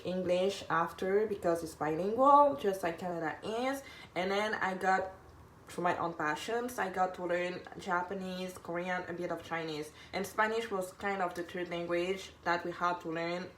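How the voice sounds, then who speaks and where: Speaking as a personal stylist in an earnest, informal live talk, a woman from Cameroon, a native French speaker, keeps a steady tone at a moderate pace in a voice on the low side. She rephrases and repeats points for emphasis, and the echoey room carries some background noise.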